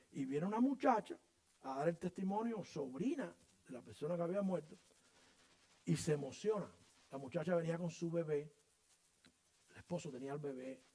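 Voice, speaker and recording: A middle-aged male pastor preaching a sermon in church, telling stories with lively energy and acting out voices and sounds. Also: on the high side. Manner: animated storytelling, acts out voices and sounds.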